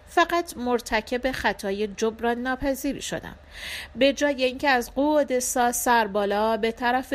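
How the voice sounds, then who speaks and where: A woman reading a literary short story aloud as an audiobook narrator, in a measured, dramatic first-person style. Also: on the high side.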